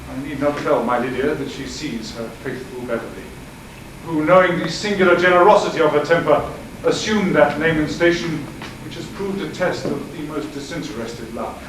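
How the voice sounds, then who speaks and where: Brief: actor as a nervous young officer, higher voice, stumbling and stammering, stage play heard far off in an echoey hall. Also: male voice, moderate pace, noisy background, lightly acted. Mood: flustered. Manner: flustered, hesitant, theatrical stage delivery. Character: young male army captain, flustered, witty.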